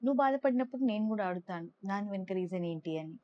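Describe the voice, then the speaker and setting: A gentle, loving mother with a soft and reassuring voice, as a woman storyteller puts her on. She speaks tenderly, at a middle pitch. The recording is dull and lo-fi. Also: lively intonation, fast, lightly acted.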